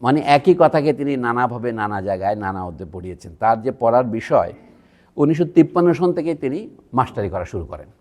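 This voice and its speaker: A man's voice: mid-range voice, animated, a little fast, a little mellow. A man from Bangladesh giving a public lecture at a university, talking in a digressive, conversational way with asides to the audience. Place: university museum hall.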